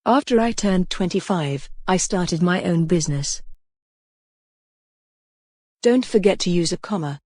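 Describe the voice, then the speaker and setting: A woman teaching English grammar, reading example sentences slowly and clearly in a scripted lesson. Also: on the low side, lively intonation, darkish tone, dry recording, studio quality. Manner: slow, clear, deliberate reading.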